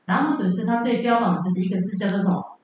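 Woman, Buddhist lecture, rhetorical questions to audience, dull lo-fi sound, very echoey hall with rumble. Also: racing, darkish tone, distant mic. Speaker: dharma teacher.

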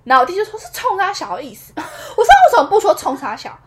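High-pitched, animated young Taiwanese-accented woman. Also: quick pace. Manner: giggly, laughs often while talking. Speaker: podcast co-host. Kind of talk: casual chat about Korean pop idols and news.

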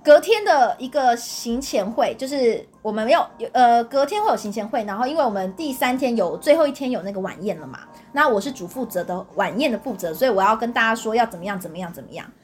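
High, lively woman telling a story. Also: fast, hardly any pauses. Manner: animated, laughs often, acts out quoted dialogue. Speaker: podcast co-host telling her own story. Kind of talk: casual storytelling chat.

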